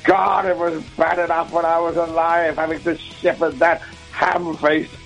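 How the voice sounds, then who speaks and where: A man's voice: on the high side, level tone, a little slow, creaky, a bit bright, faint music behind. A man voicing a pompous, irritable old ghost of a rich man, speaking in a comedy radio sketch. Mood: scornful. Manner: haughty, scornful, grumbling.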